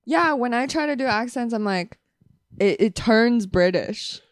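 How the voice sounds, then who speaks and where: A woman's voice: a little high, expressive, unhurried, no room sound, studio quality. A woman, a comedian guest on a podcast, laid-back and teasing in casual chat.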